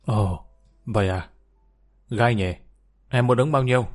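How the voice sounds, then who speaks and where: A man voicing a middle-aged restaurant manager who talks in a brisk, matter-of-fact way. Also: medium pitch, close to an everyday voice. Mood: businesslike.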